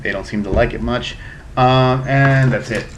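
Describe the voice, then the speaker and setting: Reviewing a beer casually on webcam, this South Florida man in his thirties is a little drunk, rambling in a chatty, foul-mouthed, tipsy way. He speaks at a moderate pace in a mid-range voice, with slight background noise.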